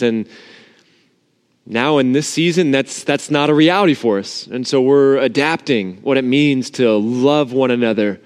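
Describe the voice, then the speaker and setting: A man preaching an informal, earnest sermon to an empty church sanctuary, his voice carrying the cathedral-like echo of the room. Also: mid-range voice. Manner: informal, earnest, talks directly to the congregation. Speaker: pastor. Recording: long reverb of an empty sanctuary.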